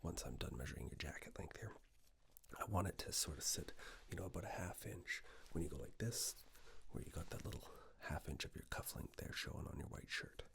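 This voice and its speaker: Half-whispering in a low, soft, breathy voice, a man performs a soft-spoken ASMR roleplay as a polite tailor measuring for a suit. His intonation is lively, and he murmurs instructions slowly with pauses, offering personal attention.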